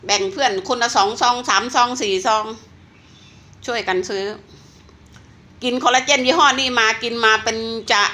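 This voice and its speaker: Lady in her late 60s selling stuff on a live, chatty and pushy, bright voice. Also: on the high side. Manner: chatty, persuasive, talks straight to viewers. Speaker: online seller. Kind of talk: casual live-selling chat.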